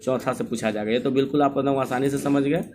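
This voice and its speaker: A man's voice: medium pitch, steady tone, quick pace, darkish tone, faint music behind. A man teaching in Hindi, going through the syllabus chapter by chapter and often checking that his students follow. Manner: repeats "thik hai" and checks students understand. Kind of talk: syllabus walkthrough lesson.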